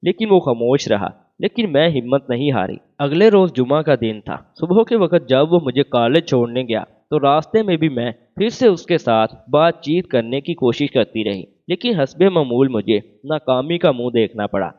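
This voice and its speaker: A man reading a romantic first-person story as scripted narration, voicing every part in the same even voice. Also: medium pitch, hardly any pauses. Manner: reads all parts in one even voice. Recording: phone-like narrow band.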